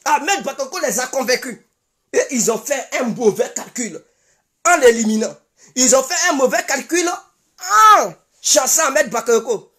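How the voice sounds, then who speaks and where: High, lively Ivorian woman commentator. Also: measured pace. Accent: Ivorian French. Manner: emphatic, repeats insistent declarations. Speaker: political commentator. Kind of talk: impassioned political commentary monologue.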